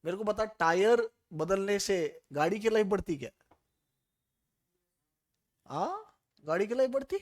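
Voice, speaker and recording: A man's voice: sits high, lively intonation, a little slow, pauses often. A man teaching an accounting class in a classroom. He keeps asking the class rhetorical questions and slips English terms into his explanations. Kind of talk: classroom lecture.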